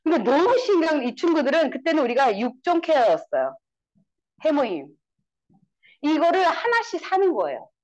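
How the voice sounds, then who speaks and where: Woman, thirties, high voice, very lively pitch, storytelling seminar talk, acts out quoted friends. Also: moderate pace, lo-fi sound. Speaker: network marketing speaker.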